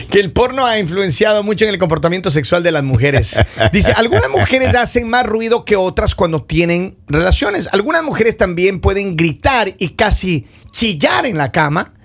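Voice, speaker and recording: Lively high-pitched male host. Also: moderate pace. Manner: animated storyteller. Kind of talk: casual panel chat.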